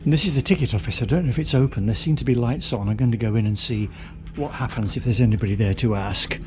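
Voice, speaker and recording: A man presents a travel vlog with dry, understated opinions. He talks casually at an average pitch, and noticeable noise, including vehicle sounds, runs behind his voice. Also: fast. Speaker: vlogger presenting a travel film.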